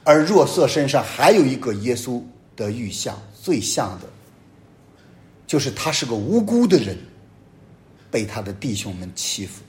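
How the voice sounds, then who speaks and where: Man preaching with sweeping pitch swings. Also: very animated, a little slow. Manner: emphatic preaching, sweeping rises and drops in pitch and loudness. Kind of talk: homily.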